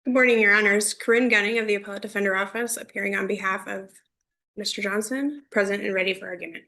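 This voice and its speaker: A woman speaks as a defense attorney addressing a bench of judges. She is formal and quick, with a bright, forceful voice of medium pitch. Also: fairly even intonation. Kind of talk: formal oral argument to judges.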